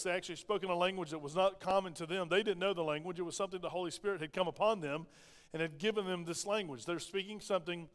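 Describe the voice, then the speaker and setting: A man's voice: a little high, clear, resonant tone. A man with a Southern American accent, preaching a sermon in a church and asking the congregation plenty of rhetorical questions. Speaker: pastor. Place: church sanctuary. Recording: long reverb of a church hall.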